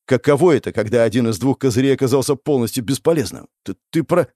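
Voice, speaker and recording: A man voicing a young man who gloats and sneers as the servant of a dark lord, taunting his enemies. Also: medium pitch, expressive, quick pace, no echo, clean studio sound, natural voice. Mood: mocking.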